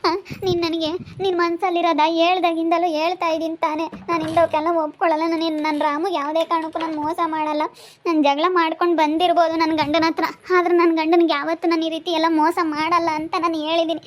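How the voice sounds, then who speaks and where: A woman's voice: very high voice, level tone, quick pace. A woman playing a desperate young wife. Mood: tearful. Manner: pleading, then cursing angrily. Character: young wife resisting her brother-in-law, desperate, pleading.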